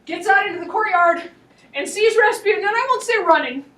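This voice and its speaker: Woman history lecturer, high voice, wry storytelling, distant classroom mic. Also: fairly quick. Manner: lively, wry, laughing asides.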